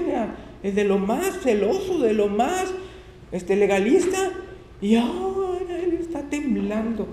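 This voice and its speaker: A preacher delivering a sermon, reading scripture and acting out the quoted lines with lively emphasis. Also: mid-range voice. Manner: animated, laughs often, acts out quoted lines. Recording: reverberant church hall.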